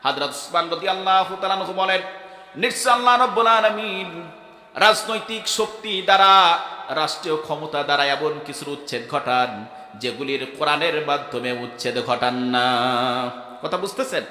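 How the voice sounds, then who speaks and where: A male preacher from Bangladesh giving a fiery sermon, calling on the crowd to answer back and swinging from soft phrases to shouted peaks. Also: on the high side, moderate pace. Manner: call-and-response, prompting the crowd to answer back. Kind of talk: fiery Islamic sermon at a gathering. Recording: echoey hall over a PA system.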